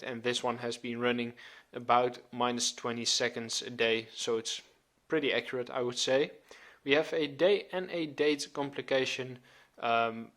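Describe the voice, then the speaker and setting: A man of twenty hosting his own channel, giving a relaxed, filler-filled watch review. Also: mid-range voice. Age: 20s. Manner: relaxed, hesitant with many fillers. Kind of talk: casual video review.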